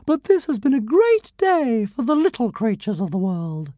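Lady doing a squeaky grand little dragon king from a storybook, swoops all over, dry sound. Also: sing-song, moderate pace, warm tone, no echo. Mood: mock sorrowful. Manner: high, grand and sing-song. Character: tiny boastful male nano dragon emperor, grandiose.

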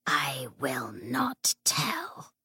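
A woman voicing the murdered ghost of a bitter male warlock, with a hollow, hissing voice and a slow, brooding delivery. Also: rumbling low, breathy edge, no echo, clean studio sound, pitched below the performer's own voice, exaggerated voice. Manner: slow, brooding, sinking to a whisper.

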